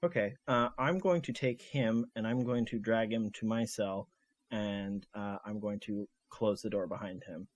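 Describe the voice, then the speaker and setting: Dude playing a tabletop game, low voice, lots of ums, kinda unsure. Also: male voice, unhurried. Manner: hesitant, full of ums and restarts. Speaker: player. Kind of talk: casual tabletop game play.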